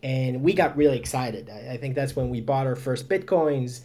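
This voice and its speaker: A man in his thirties answers interview questions in a loose, chatty way, full of fillers and self-deprecating asides. His voice sits in a middle pitch and stays upbeat throughout. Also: moderate pace, warm tone. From Israel. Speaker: startup founder and guest.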